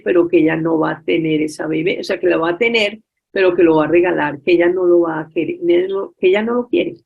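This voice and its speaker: A woman giving a storytelling religious talk over a video call, retelling a story with many filler pauses. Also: lowish voice, vocal fry, a little mellow, highs cut off. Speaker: speaker at a forgiveness workshop.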